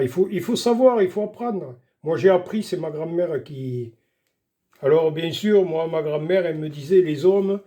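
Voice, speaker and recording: Older guy in his kitchen chatting thru a veggie soup, high-ish voice but mellow. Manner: chatty, folksy, keeps saying "voilà" and "doucement". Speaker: home cook showing a recipe. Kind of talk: casual cooking demonstration.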